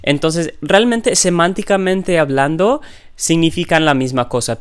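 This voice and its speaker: Male teacher, clear smooth voice, lecturing on grammar, stops to fix his wording. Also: on the high side. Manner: explanatory, with frequent self-corrections and fillers. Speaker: language teacher.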